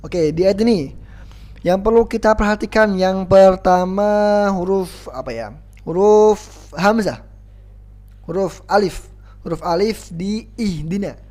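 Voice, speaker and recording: A patient Quran recitation teacher talks at an unhurried, measured pace, explaining each sound carefully. Verses are modeled in a drawn-out chant, then repeated for the class to copy. The voice sits at a middling pitch with a relaxed classroom manner. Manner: calls self 'Ana' and students 'antum', Arabic-flavored classroom talk. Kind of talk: tajwid lesson with call-and-repeat practice.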